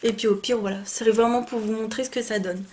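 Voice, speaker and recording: A woman's voice: a little high, steady tone, quick pace, warm tone, slight background noise. A woman in her twenties chatting casually and effusively in a beauty haul video, with many fillers and restarts. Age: 20s. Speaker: beauty vlogger.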